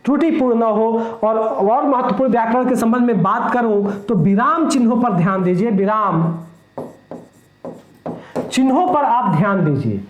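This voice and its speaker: A male teacher giving a lecture in a classroom, explaining slowly, repeating his points and asking the class rhetorical questions. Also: very high voice, reverberant.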